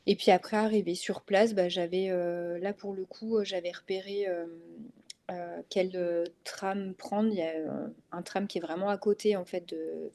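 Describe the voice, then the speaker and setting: A mother of three in her thirties with a northern French accent speaks at a moderate pace in a warm, lowish voice with fairly even intonation. Guesting in a relaxed interview chat, she hesitates a lot, restarting and using many fillers.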